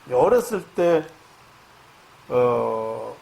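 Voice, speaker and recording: A man preaching a sermon lecture as a pastor, halting with fillers, then rising loud and high to stress his points. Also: sing-song, gravelly. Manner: halting, many fillers and restarts.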